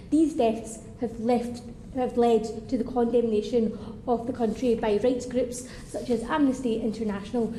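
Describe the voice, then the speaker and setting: A woman with a Scottish accent giving a formal parliamentary speech as a member of parliament, brisk and earnest. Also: on the high side, dark tone, roomy sound, slight background noise, poor audio. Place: parliamentary debating chamber.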